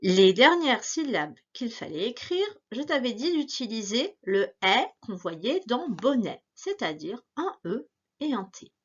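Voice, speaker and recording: A woman teacher giving a spelling dictation to young pupils, articulating slowly and repeating each word. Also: a little high, very animated, slightly rough, muffled recording.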